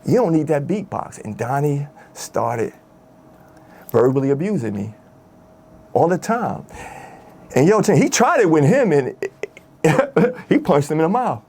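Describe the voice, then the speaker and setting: A man's voice: fairly high pitch, big pitch swings, unhurried, pauses often, a little mellow, breathy edge. A man telling his story in an interview, emotional and candid, full of street slang and asides like "my dude". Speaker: former rap group member telling his story.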